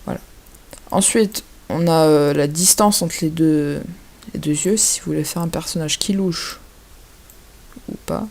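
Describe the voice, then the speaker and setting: A man giving a casual, hesitant software tutorial over a screen recording, filling his pauses with little interjections. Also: on the high side. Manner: hesitant, chatty, fills pauses with "hop" and "voilà".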